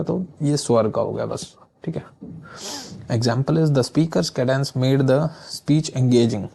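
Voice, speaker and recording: A man teaching English vocabulary in a casual lesson, explaining words with memory tricks and slowly reading out example sentences. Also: mid-range voice, vocal fry, dark tone, breathy edge. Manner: often adds filler checks like "theek hai".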